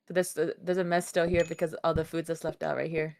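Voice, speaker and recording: A woman's voice: low-pitched, flat delivery, fast talker, gravelly, darkish tone. A woman chatting while playing a cooking game with friends, giggling often and repeating her words. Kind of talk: casual gaming chat.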